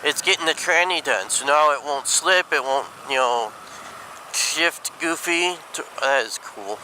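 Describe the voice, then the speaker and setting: Bright-voiced man talking slowly inside a helmet. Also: a little high, low-quality recording. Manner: halting, thinking aloud. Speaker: motorcycle vlogger. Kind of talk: casual rambling motovlog talk. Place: outdoors riding a motorcycle, inside a helmet. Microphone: mic inside helmet. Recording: helmet mic, clear road and engine noise.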